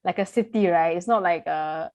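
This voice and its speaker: A woman's voice: on the low side, normal speed, darkish tone, no room sound. Chatty female interview host. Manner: chatty, rambling questions with fillers. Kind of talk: casual interview hosting.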